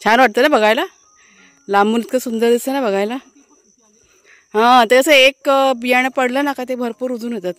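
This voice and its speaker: A woman's voice: fairly high pitch, fairly even intonation, moderate pace, long pauses, no echo, soft background music. A woman casually chatting to her viewers while showing a village garden outdoors, with many fillers. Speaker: vlogger. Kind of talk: casual village vlog narration.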